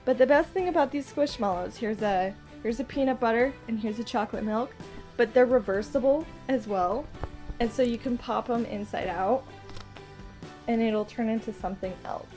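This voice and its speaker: Stuffy and nasal from a cold, a vlogger chats casually and gushes girlishly while showing gifts to viewers. Her voice is a little high and slightly mellow at a normal pace, with faint music behind her.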